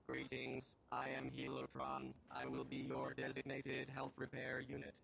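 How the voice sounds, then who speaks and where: A gentle, gravelly care robot. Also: male voice, mid-range voice, unhurried, crowd noise, exaggerated voice. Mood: calm, formal. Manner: stiff, precise machine phrasing, calm and reassuring. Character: calm male medical care robot, formal and literal. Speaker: game character.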